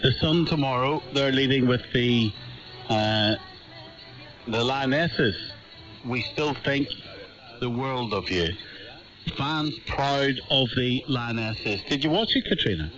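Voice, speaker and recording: A man's voice: mid-range voice, slow pace, a bit bright, lo-fi sound. Male discussion host, dulled sound with music. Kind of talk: live news discussion presenting.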